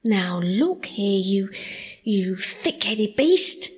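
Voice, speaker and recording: Woman voicing an excitable, bossy storybook rat, husky. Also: fairly high pitch, moderate pace. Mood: angry, commanding. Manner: eager, emphatic, impatient. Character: excitable, bossy male rat, caring but exasperated. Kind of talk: children's storybook character voice.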